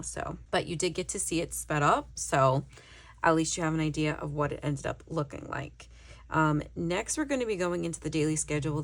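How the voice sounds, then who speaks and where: A young woman, a little hoarse, chatting casually to viewers while working on a trip planner. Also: low-pitched. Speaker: vlogger.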